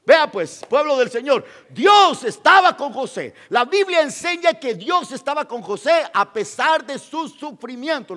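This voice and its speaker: A male pastor preaching a sermon, repeating phrases for emphasis and swinging between loud proclamations and quiet asides. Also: very high voice, in a large hall. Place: church.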